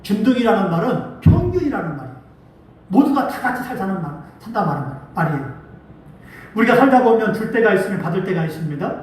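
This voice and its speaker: A man pastor preaching a sermon, acting out quotes with lively feeling. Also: high voice, fast talker. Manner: preaching with animated acted-out quotes. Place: church sanctuary. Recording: echoey church hall, mic at a distance.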